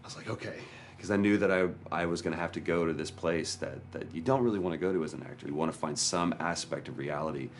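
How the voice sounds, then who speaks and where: A man's voice: low-pitched, quick pace, hardly any pauses, slight background noise. A male actor in an interview, candidly and reflectively recounting a hard experience. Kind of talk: interview storytelling.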